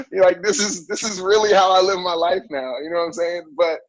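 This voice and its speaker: A man's voice: high voice, normal speed, no echo, highs cut off. A man in his thirties, a fitness coach, talking casually in an interview with lots of fillers and easy laughs. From grew up on military bases overseas. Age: 30s. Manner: relaxed, rambling, frequent fillers and laughs.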